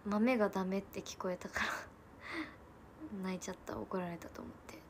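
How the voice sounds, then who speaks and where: A woman's voice: medium pitch, fairly even intonation, normal speed, a little hiss or hum. A woman in her twenties chatting casually on a livestream, telling family stories and answering comments. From Japan. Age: 20s. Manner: chatty storytelling, answering comments, frequent laughs and soft asides. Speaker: livestream host.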